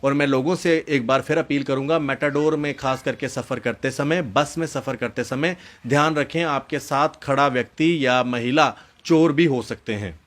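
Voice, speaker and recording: A male news reporter who introduces a field interview and makes an earnest appeal to viewers, pausing on hesitant fillers. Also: medium pitch, a bit bright.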